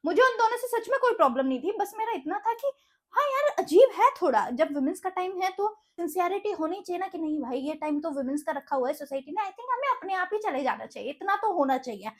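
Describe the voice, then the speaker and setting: A young woman tells a storytime vlog in a very high, bright-sounding voice. She retells an argument with emphatic indignation and mixes English words into her talk. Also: very animated, fast. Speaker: vlogger.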